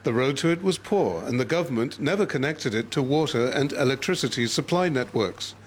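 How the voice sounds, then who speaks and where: A male correspondent narrates a scripted news report in clear, even voice-over. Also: mid-range voice, a little fast, slight background noise.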